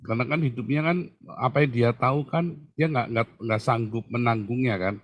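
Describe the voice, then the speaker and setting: A man's voice: mid-range voice, normal speed, no room sound, studio quality. Man teaching scripture with pointed questions. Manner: questioning, Socratic, emphatic. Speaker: pastor answering questions. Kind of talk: Bible Q&A teaching.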